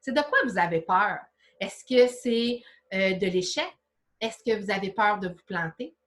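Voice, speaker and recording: A woman's voice: mid-range voice, measured pace, fairly bright tone. A woman with a Québécois French accent runs a motivational live session for an online audience. She speaks in a familiar, chatty manner, peppering listeners with direct rhetorical questions and coaxing them along. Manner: familiar, chatty address with many fillers like "là". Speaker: business coach.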